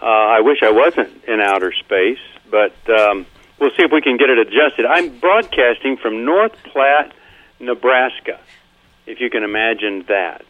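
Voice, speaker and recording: A male radio host talking casually with easygoing, halting speech, heard over a muffled, echoing remote line that sounds like he is in a tunnel. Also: medium pitch. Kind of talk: casual on-air chat. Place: remote broadcast from a fundraising event.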